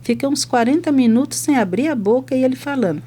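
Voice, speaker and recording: An older Brazilian woman who works as a hospital chaplain tells testimony stories on a podcast, acting out both sides of each conversation in a lively retelling. She talks fast in a high-pitched voice with a breathy edge.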